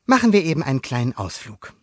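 A man's voice: medium pitch, very animated, fast talker, breathy edge, no echo, studio quality, voice pushed up. A man voicing an eager, flustered young sea monster boy in a storybook reading, talking in a hasty rush. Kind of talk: storybook character voice.

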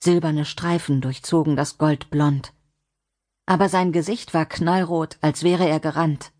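A woman reading an audiobook in a measured, steady way. Her voice sits on the low side, and she keeps the narration even and scripted.

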